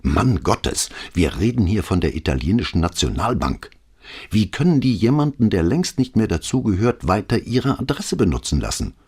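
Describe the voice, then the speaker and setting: A man's voice: low-pitched, very animated, normal speed, darkish tone, husky, pitched above the performer's own voice, full character voice. A man voicing an inquisitive middle-aged police commissioner who presses with incredulous questions in an audiobook. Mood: questioning.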